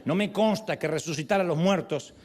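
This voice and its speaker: A male pastor preaching a sermon, telling the story with animated storytelling and acting out the people he quotes. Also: a little high, brisk.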